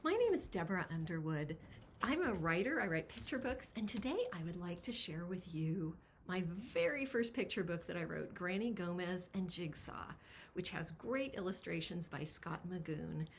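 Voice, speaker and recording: A children's picture book author with a lowish voice chats to kids as she introduces a storybook, then reads it aloud expressively, stressing key words. She's animated and moderately paced, with a little hiss or hum.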